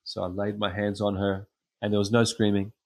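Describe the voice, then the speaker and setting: Low-voiced man preaching, halting storyteller. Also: flat delivery, creaky. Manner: hesitant storytelling with frequent ums. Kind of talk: sermon with personal stories.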